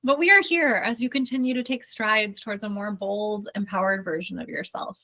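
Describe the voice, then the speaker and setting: A bright-voiced woman wraps up a live online workshop she is hosting. She talks effusively and reassuringly, addressing the viewers directly. The sound has the feel of a video call mic. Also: mid-range voice, a little fast. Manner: effusive, affirming, talks straight to the audience. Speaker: workshop host and studio founder.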